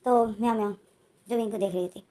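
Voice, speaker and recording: A woman's voice: mid-range voice, fairly even intonation, fast, dark tone. A woman casually retelling a story, rambling along with many linking words and fillers.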